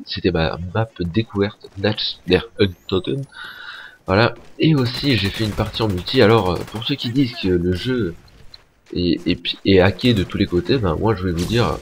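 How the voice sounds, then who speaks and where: Young man, late teens, low voice, casual gameplay commentary, rambling, swears, faint background noise. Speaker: gaming YouTuber.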